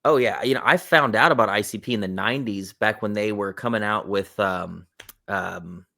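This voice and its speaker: A man in his thirties, a podcast guest, telling stories casually and excitedly. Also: fairly low pitch, normal speed, vocal fry. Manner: excited storyteller, acting out quotes.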